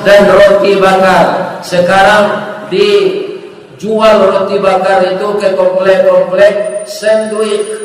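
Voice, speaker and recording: A man's voice: sits high, level tone, takes it slowly. A middle-aged man preaching in a mosque, joking with the congregation and telling a moving story. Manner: folksy, jokes with the congregation, tells a moving story. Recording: distant echoey mosque hall recording.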